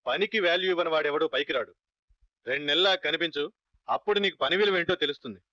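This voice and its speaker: An impatient boss reprimands curtly, talking fast in a bright, slightly high voice. The audio is dry and dull, typical of a film soundtrack. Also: male voice, animated. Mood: reprimanding. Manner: curt, reprimanding. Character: male boss, stern, impatient.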